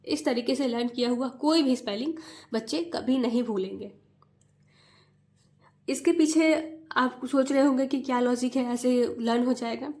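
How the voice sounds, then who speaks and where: A woman, a mother and tutor, hosting an instructional video for parents, explaining step by step and spelling letters out slowly in a sing-song rhythm. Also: a little high, darkish tone. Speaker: mother and tutor, channel host.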